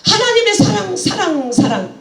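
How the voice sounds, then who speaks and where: A woman's voice: very high-pitched, sing-song, normal speed, gravelly, roomy sound, crowd noise. A woman preaching a sermon with passion, laughing and exclaiming as she goes, mixing English phrases into her talk.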